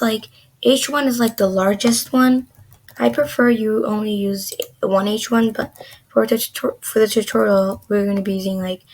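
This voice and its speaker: A young woman gives a casual, screen-recorded beginner coding lesson, chatty and loose and packed with "like" and "um." Her medium-pitched voice is a little mellow, with vocal fry and a breathy edge.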